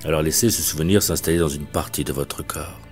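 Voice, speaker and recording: Man with a deep, slow hypnotic voice. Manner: slow, detached hypnotic delivery. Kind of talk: guided hypnosis session. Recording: faint background music. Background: soft music.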